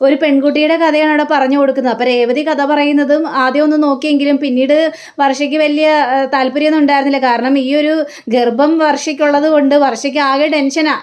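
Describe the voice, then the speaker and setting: A woman's voice: sits high, steady tone, fast talker. A woman casually retelling a serial episode, with frequent fillers and acted-out dialogue. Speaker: serial recap narrator.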